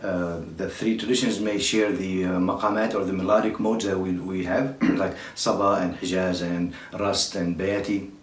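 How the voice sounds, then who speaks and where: A man from Syria, a drummer giving an informal talk, halting with many fillers. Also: sits low, level tone. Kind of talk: informal spoken lecture. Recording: echoey room, distant mic.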